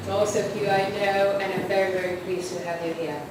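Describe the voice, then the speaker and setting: A woman's voice: medium pitch, little pitch movement, a little fast. A woman hosting a poetry reading and slideshow, introducing the evening in an earnest, somewhat rambling way. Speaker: host and anthology editor. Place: literary arts center event hall. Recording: roomy, distant, noisy hall recording.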